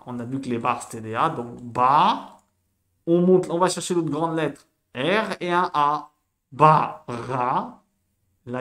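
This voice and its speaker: A man giving a casual spoken lesson, animated and repetitive, spelling out sounds slowly for learners. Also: medium pitch. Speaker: Hebrew teacher.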